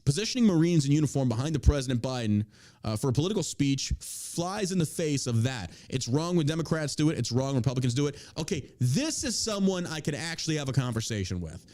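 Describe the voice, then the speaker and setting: A man's voice: on the high side, big pitch swings, quick pace, darkish tone. An American man hosting casual political commentary, opinionated and emphatic, swearing freely as he reads out and reacts to news. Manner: opinionated, emphatic, heavily profane.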